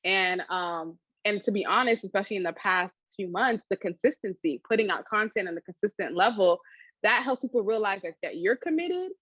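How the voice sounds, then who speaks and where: A woman talking casually in an interview, animated and chatty, laughing often and filling her sentences with "you know" and "um". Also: medium pitch, brisk, no echo, muffled recording. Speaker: interviewee, food channel creator.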